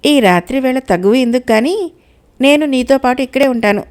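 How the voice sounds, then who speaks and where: A woman's voice: sits high, moderate pace, darkish tone, close to an everyday voice. A woman doing an angry little bird. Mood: indignant. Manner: indignant, scolding. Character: angry small bird demanding its home back.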